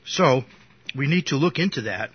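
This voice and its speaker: A man with a husky voice teaches an informal Bible lesson, often stopping to restart his sentences. His pitch sits in the middle range. The recording sounds dull and lo-fi. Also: lively intonation, moderate pace. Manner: rambling, with frequent restarts and asides. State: coughing now and then.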